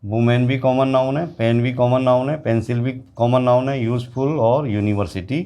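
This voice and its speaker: A man teaching an English grammar lesson to students, explaining slowly and repeating example words. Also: mid-range voice, steady tone, dark tone, clean tone. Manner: slow, repetitive explaining, addressing students directly.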